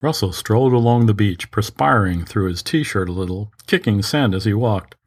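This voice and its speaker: A man narrating a crime story in a measured, even storytelling voice, lightly voicing the characters. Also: on the low side.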